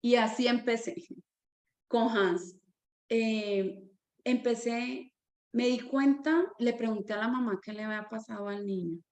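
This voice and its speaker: A woman who directs a Sunday school, telling a personal testimony in a church teaching as a lively storyteller. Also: a little high, unhurried, reverberant.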